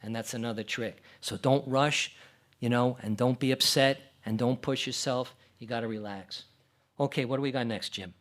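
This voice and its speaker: Relaxed, reassuring male presenter. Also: mid-range voice. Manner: relaxed, reassuring, slows to demonstrate. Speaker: club presenter. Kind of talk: conference presentation.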